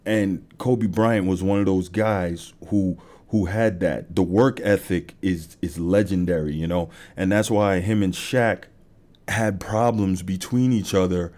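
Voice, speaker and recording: Male podcast host, deep and mellow, easygoing storyteller with fillers. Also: fairly even intonation, measured pace. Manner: conversational, many fillers and restarts. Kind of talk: casual monologue.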